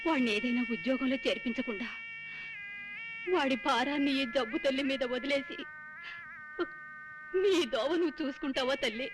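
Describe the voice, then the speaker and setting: A woman's voice: high-pitched, normal speed, pauses often, music in the background, close to an everyday voice. An actress playing a frail, half-deaf old mother. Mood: doting. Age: older. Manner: plaintive, coaxing, calls everyone dear. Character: frail hard-of-hearing old mother, fussy and doting. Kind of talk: film comedy scene.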